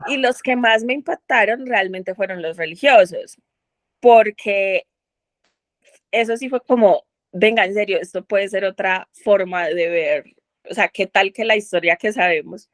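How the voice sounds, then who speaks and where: During a casual book club discussion, a woman with a medium-pitched voice rambles through her thoughts at an unhurried pace, full of fillers and restarts. There's no echo on the recording.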